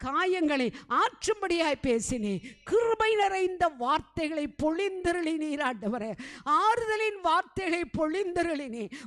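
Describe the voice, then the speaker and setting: Woman prayer leader, fervent pleading prayer, repetitive calls to God. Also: sits high. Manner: fervent, pleading, repeats phrases to the crowd; often calls out to God between phrases. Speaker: prayer leader at a revival meeting. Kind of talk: leading a congregation in spoken prayer.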